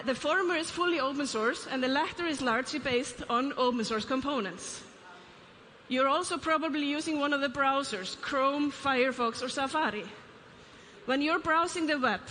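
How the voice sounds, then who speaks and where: A bright, forceful, high voice belongs to a woman from Iceland, a CEO keynoting on a large conference stage. She puts questions to the audience with light asides along the way. Slight background noise, a reverberant hall and faint ambience color the recording.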